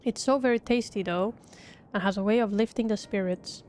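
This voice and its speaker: Gentle village chai brewer, read by a woman. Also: medium pitch, a little fast, soft background music, natural voice. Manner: polite, formal, old-fashioned phrasing.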